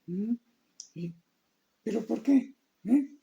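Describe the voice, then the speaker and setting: A man's voice: sits high, animated, drawn-out words, gravelly, mellow, exaggerated voice. A man voicing a curious listener who keeps asking questions and exclaiming in sympathy. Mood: eager.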